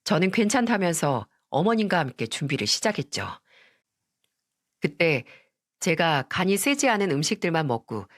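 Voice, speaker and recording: Woman, first-person story narration, confiding, animated intonation. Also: fairly low pitch.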